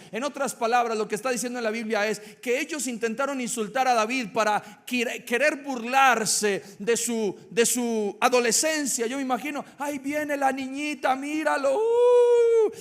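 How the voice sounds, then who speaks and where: Passionate preacher, high voice. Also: male voice. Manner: dramatic, swings from loud to hushed. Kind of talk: sermon. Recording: echoey hall.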